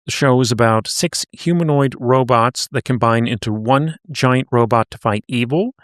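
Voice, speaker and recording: A man's voice: mid-range voice, moderate pace, dry recording, studio quality. A man co-hosting a podcast, recapping and chatting in a conversational storytelling way. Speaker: podcast co-host. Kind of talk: casual podcast chat.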